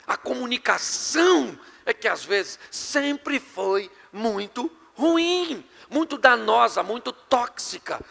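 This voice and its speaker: A middle-aged Brazilian pastor preaching an animated, joking sermon to a live congregation. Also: male voice, extremely high pitch, slow pace, creaky, hardly any pauses. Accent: Brazilian Portuguese. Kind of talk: sermon on marriage and communication. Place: church hall before a live congregation. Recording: long hall reverb.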